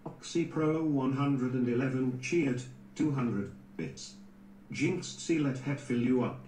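A synthetic man's voice of middling pitch reads stream alerts at a slow pace. It echoes in the room with faint noise behind it. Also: darkish tone. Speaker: donation alert text-to-speech voice. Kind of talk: flat read-out of stream messages.

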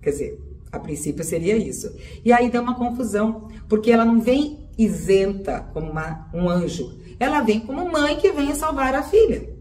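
A woman's voice: on the high side, expressive, moderate pace, a little mellow. A woman therapist giving spiritual advice in a conversational way, repeating phrases and often speaking straight to her listeners. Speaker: holistic therapist. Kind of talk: spiritual advice talk to viewers. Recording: roomy echo, voice a bit far from the mic, faint background noise.

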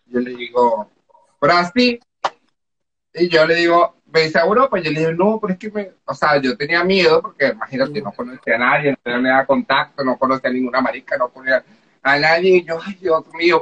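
A woman from Venezuela with a Venezuelan accent, telling her own story in casual chat, animated, laughing often and acting out the dialogue. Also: low-pitched, highs cut off. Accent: Venezuelan Spanish.

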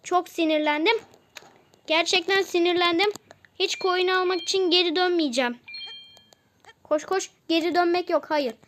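A woman's voice: very high voice, moderate pace, pauses often, a bit bright, a little hiss or hum. A woman casually commenting on a mobile game as she plays, chatty and easily exasperated, often repeating herself.

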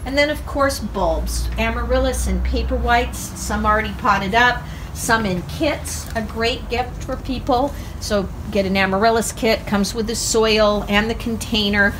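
A woman's voice: on the high side, noisy background. Upbeat older woman touring a shop. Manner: upbeat, enthusiastic, listing items. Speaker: shop owner giving a tour. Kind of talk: casual walking tour narration. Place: indoor farm gift shop, walking. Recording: roomy shop with music behind.

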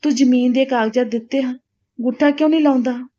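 A woman's voice: sits high, steady tone, quick pace, mellow. A woman voicing a greedy, demanding grown son in a spoken story, in a pushy, insistent way. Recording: dull lo-fi recording.

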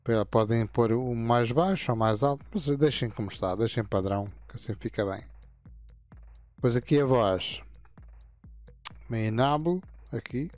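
Mid-range and darkish, this man's voice guides viewers through settings in a casual screen-recorded tutorial. The gaming channel host, in his fifties, meanders and keeps restarting his halting sentences.

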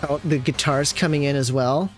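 A man with a slightly higher voice chats and jokes as he reacts to a game battle. He talks casually to his viewers, and faint game music plays beneath his voice. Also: steady tone, moderate pace. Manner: chatty and reactive, joking about the game. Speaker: gaming video host. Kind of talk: casual gameplay commentary.

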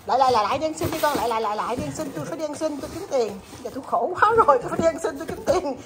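A woman's voice: high-pitched, expressive, rapid-fire. A woman voicing a whiny hungry pet. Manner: plaintive, complaining, repeating itself. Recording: loud background noise.

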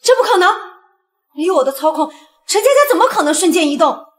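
A woman's voice: very high voice, very animated, fast talker. An actress playing a willful, scheming young woman in a short web drama, speaking with dramatic emphasis. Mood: exasperated disbelief.

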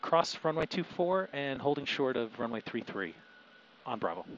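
A man's voice: medium pitch, very animated, normal speed, a bit bright, lo-fi sound, slight background noise. A man speaking as a pilot over the aircraft radio from a small plane cockpit, giving clipped, formulaic readbacks and calls to the tower through a headset. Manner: clipped, formulaic aviation phraseology. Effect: pilot talking over the aircraft radio. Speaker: pilot and flight instructor.

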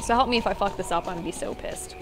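A woman's voice: medium pitch, rapid-fire, over loud music. A woman giving casual, playful commentary on her own gameplay, swearing often and slipping into a sing-song voice. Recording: loud game noise behind.

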